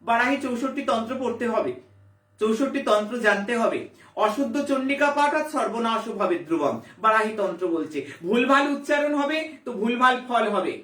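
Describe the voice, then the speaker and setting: A woman's voice: fairly high pitch, animated, fairly quick, a bit bright, echoey room, recorded from a distance. A woman spiritual teacher, giving a devotional lesson emphatically, repeating herself and firing rhetorical questions.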